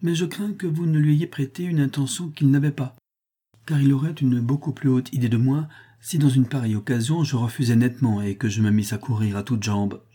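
A man reading an audiobook and voicing a cheerful, easygoing young gentleman. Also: mid-range voice, brisk, slightly rough, voice pushed up, natural voice. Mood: jovial. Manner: lively, good-humoured protesting.

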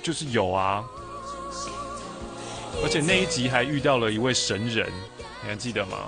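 A man hosts a casual radio chat in Taiwanese Mandarin. His voice sits at a medium pitch, with music clearly playing underneath. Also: expressive, moderate pace. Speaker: radio host. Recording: music bed behind the voice.

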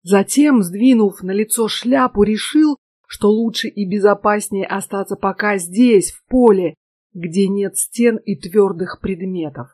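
A woman narrating an audiobook in a measured, steady way. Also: medium pitch, breathy edge, no echo. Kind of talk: scripted narration.

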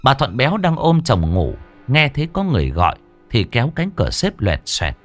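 Man, ghost story narrator, dramatic, very animated pitch, dry sound, soft background music. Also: moderate pace. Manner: expressive, dramatic. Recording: dry close studio voice with music.

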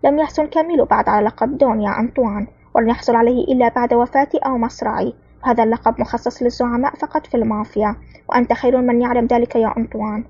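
A woman's voice: fairly high pitch, little pitch movement, very fast, dark tone, breathy edge, muffled recording. A woman reading the lines of a proud, commanding male mafia boss in an audiobook. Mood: angry. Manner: drowsy when drugged, else commanding.

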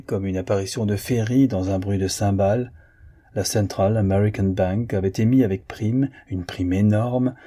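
Male audiobook narrator: dark, mellow low voice with a husky edge, measured reading. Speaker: audiobook reader.

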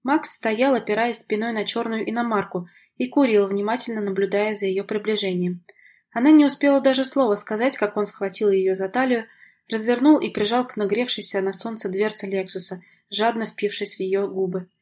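A woman reading a novel aloud as an audiobook narrator, steady and expressive. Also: medium pitch, normal speed, slightly rough. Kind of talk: scripted narration.

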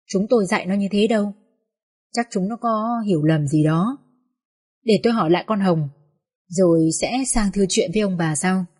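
A woman voicing a hot-tempered older village father who scolds harshly and yells. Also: lowish voice, slightly rough. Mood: pleading.

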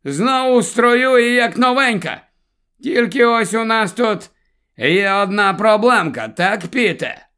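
A man doing a brash, booming stranger barking orders. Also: animated, unhurried, smooth, exaggerated voice. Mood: shouting. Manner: brash, jovial, shouting orders. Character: loud, overly hearty grown man pushing a car.

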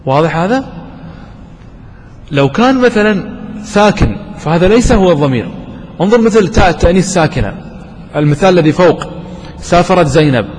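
A man teaching a grammar lesson, quizzing his students and slowing down to stress key terms. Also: high voice, lively intonation, darkish tone. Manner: asks students questions and answers them himself. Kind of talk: classroom lesson. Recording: distant voice with long reverb and faint noise.

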